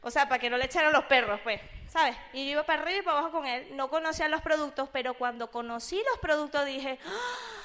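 High-voiced Venezuelan woman telling a story. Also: quick pace, hardly any pauses. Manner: animated, acts out quoted voices with big pitch jumps. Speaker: speaker sharing a personal business testimony. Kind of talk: casual storytelling to an audience.

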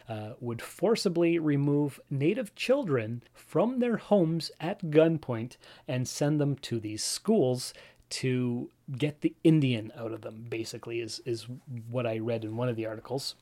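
A Canadian man in his forties hosts a casual solo podcast, rambling with lots of fillers and restarts as he speaks directly to his listeners. His voice is mid-range and dark in tone.

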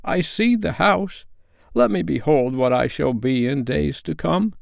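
Man acting anxious old Scrooge, high-pitched pleading. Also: expressive, a little slow, vocal fry, no room sound, clean studio sound, exaggerated voice. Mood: urgent, pleading. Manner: earnest, formal, pleading. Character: anxious, humbled old miser pleading with a spectre.

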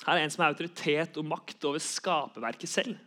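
Young guy preaching a sermon, earnest, keeps repeating phrases, voice a bit high. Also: sharp tone.

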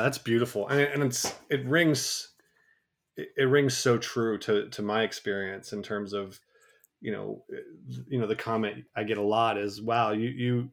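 A young man hosting a podcast, earnest and conversational, growing animated when retelling a story. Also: fairly low pitch. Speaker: podcast host.

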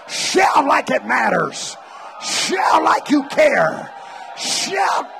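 A man preaches at a revival in a very high, bright, piercing voice, shouting his exhortations over and over. His delivery is slow and drawn out even at full volume. A crowd and faint noise sit behind him in the large church meeting. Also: vocal fry. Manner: repetitive exhortations, speaking in tongues.

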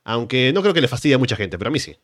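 A man's voice: medium pitch, sing-song, very fast, a bit bright, no room sound, studio quality. A man hosting a wrestling podcast, talking in conversational sports commentary.

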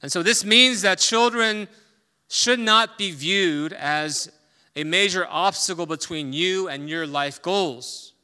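A man preaching a sermon as a pastor, emphatic, swinging between loud stressed points and quiet asides. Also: high-pitched, takes it slowly, clear, resonant tone, big-room sound.

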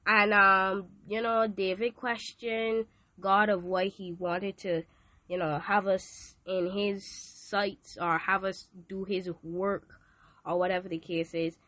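This podcast host is a teenage girl with a Barbadian accent whose cold gives her a nasal sound as she leads a casual devotional show. She speaks slowly in a mid-range, level voice that is bright and forceful, captured dry in a hot room with a fan. She's chatty and playful and asks her listeners questions.

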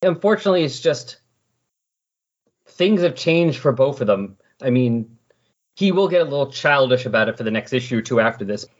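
Animated and speaking at a moderate pace, a man with a medium-pitched voice hosts a casual podcast. While recapping he rambles and keeps correcting himself, on a dull, lo-fi recording.

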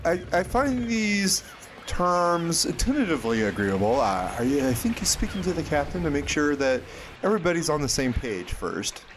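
A man chatting casually as a player in a tabletop game, halting as he talks. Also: on the high side, sing-song, background noise. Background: music.

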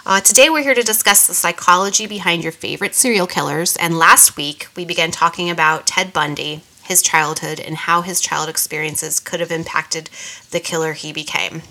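A woman co-hosting a podcast, her voice stuffy and nasal from a recent illness. She reads from her notes in a casual way, with small restarts. Her tone is bright and somewhat low. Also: fairly even intonation, moderate pace. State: nasal from a cold. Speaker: podcast co-host.

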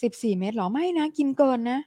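A woman's voice: fairly high pitch, lively intonation, fast talker, dark tone, no echo. A woman co-hosting a casual talk show, frank and sarcastic, reading out viewer comments.

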